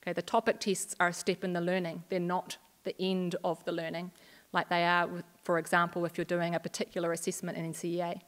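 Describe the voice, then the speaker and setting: A woman school coordinator, explaining a program to parents and students in a measured way. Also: on the low side, monotone. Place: school hall. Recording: long hall reverb.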